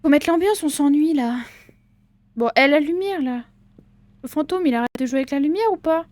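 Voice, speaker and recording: A woman's voice: sits high, normal speed, a little mellow, dry recording. A woman giving casual let's-play commentary on a horror game, chatty and jokey, talking back to the characters with slang and swearing. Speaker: gaming video creator.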